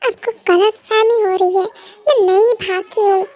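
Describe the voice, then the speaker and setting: A woman's voice: very high voice, fairly even intonation, measured pace, mellow, slight background noise. A woman voicing a frightened young wife in an amateur fan dub, pleading tearfully and stammering. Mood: tearful protest.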